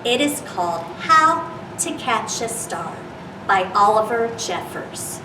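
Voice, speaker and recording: A woman reading a picture book aloud to young children as a storytime host, expressive and deliberate, stretching key words. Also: fairly high pitch. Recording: roomy, distant microphone, clear background noise.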